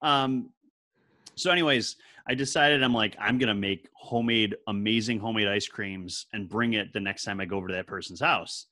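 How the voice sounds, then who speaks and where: A podcast co-host with a lowish voice speaks at normal speed, telling rambling, animated stories in casual conversation.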